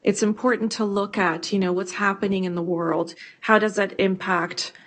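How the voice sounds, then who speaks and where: A middle-aged woman who serves as a school board trustee introduces herself at a board meeting, speaking in a measured, reflective manner with occasional hesitations. Her voice sits at a medium pitch, with fairly even intonation and a fairly bright tone.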